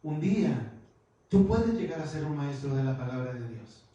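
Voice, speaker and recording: Preacher guy, high voice, keeps saying brother, big echo, far from mic. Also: lively intonation, normal speed, mellow, muffled recording. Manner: teaching, addresses listeners as brother. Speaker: pastor. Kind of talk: sermon. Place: church hall. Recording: echoey hall, far from the mic.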